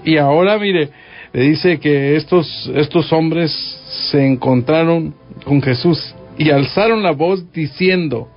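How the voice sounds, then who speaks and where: A man's voice: fairly high pitch, slow pace, dull audio, faint music behind. Conversational Mexican radio preacher, man. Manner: conversational, asks the listener questions. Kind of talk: radio Bible teaching.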